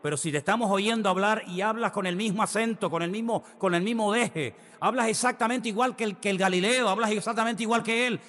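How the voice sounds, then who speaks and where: A woman's voice: mid-range voice, fairly quick, few pauses, a bit bright, voice pushed up, lightly acted. A man voicing a mocking young servant girl who accuses someone insistently, in a reverberant church hall.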